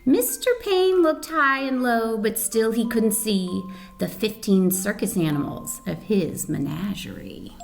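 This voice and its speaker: A woman reads a children's picture book aloud in an expressive, dramatic way. Her voice sits at a medium pitch with a creaky edge, and music plays behind her. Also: unhurried. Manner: expressive, dramatic reading with questions to young listeners. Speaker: volunteer storyteller.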